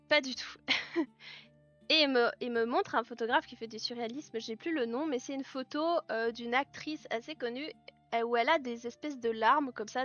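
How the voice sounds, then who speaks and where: Woman, livestreamer, casual chatter with viewers, laughs often, bright tone, dull sound with quiet background music. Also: high voice. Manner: chatty storyteller, laughs often, answers chat; switches between French and halting English. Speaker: livestreamer and clothing maker. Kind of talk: casual chat with live viewers. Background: soft background music.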